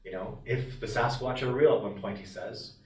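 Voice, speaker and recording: A man's voice: mid-range voice, moderate pace. Emphatic man in a roomy room. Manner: emphatic, animated, often voices what others might say. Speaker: wilderness expert interviewee. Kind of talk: passionate interview talk. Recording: roomy and distant from the mic.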